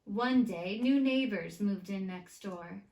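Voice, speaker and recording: A woman reading a picture book aloud to children, expressively and with deliberate emphasis. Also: medium pitch, darkish tone. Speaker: children's read-aloud teacher. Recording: roomy, echoey indoor sound.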